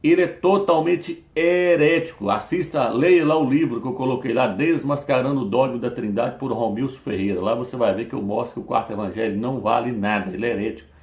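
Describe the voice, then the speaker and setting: An insistent male preacher talks straight to his listeners and keeps calling them brother. His voice sits in an ordinary middle pitch. It rings with the echo of a bare room. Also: brisk, few pauses, a little mellow. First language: Portuguese. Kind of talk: preaching to camera.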